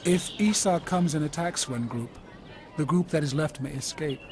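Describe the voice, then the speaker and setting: A man's voice: on the high side, normal speed, background noise, close to an everyday voice. An actor playing Jacob as an anxious, humble herdsman patriarch in a Bible audio drama, solemn and earnest, with music behind him. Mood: fearful, pleading.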